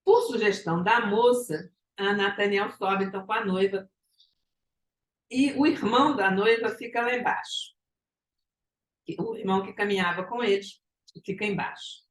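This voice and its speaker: A woman's voice: medium pitch, moderate pace. Woman, lecturer, retelling a story, tag questions, echoey room. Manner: frequent tag questions and restarts. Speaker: psychoanalysis lecturer.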